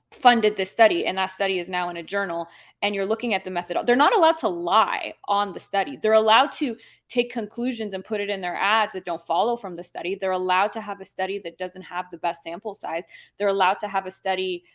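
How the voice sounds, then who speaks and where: A woman's voice: medium pitch, normal speed. A woman hosting her own podcast, explaining ideas in a casual, chatty way, often restarting and correcting herself as she goes. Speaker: podcast host.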